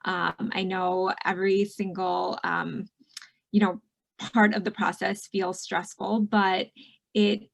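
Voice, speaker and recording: Speaking slowly in a mid-range voice with vocal fry and little pitch movement, this Michigan woman, a middle-aged physician, presents online in a warm, chatty way. She talks over a video call microphone, filling her casual, friendly delivery with frequent ums and you-knows.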